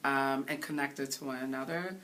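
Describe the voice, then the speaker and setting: Interview guest: woman DJ in her 30s from Haiti, unusually deep voice, earnest and reflective, recorded a little off-mic with light hiss. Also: fairly even intonation, a bit bright. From Haiti, raised in the Bronx. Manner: thoughtful, earnest, pausing to find words. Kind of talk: casual interview. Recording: voice somewhat distant from the mic, faint hiss.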